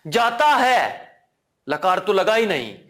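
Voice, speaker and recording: Lively, slow-speaking Hindi-accented male teacher. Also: high-pitched. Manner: repeats key words as questions to the class; asks the class "ठीक है ना?" again and again. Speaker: Sanskrit teacher. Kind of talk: online exam-prep lesson.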